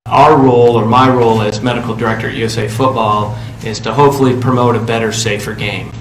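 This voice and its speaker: A man speaking as a medical director at a conference, flat and hesitant with fillers. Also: mid-range voice, fast talker. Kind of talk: conference remarks. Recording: distant, echoey room with noise.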